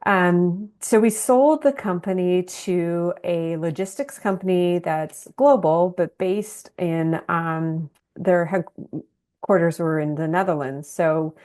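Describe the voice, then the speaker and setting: A woman's voice: on the low side, a little mellow. A woman giving a conversational webinar presentation about the company she ran, calling for her next slides. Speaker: business founder presenting.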